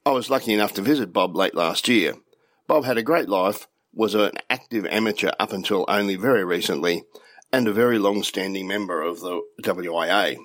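An older Australian man whose voice sounds nasal and blocked from a cold. His low voice comes across dry and close, with no room around it. He reads his report steadily. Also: brisk, a bit bright, no room sound. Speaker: radio club official giving a news report. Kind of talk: read news commentary.

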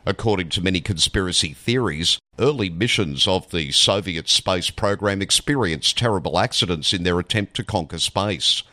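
A man's voice: sits low, pushed and bright, dry recording. A man reading scripted news narration in a dramatic, documentary-style storytelling manner. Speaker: amateur radio news reader.

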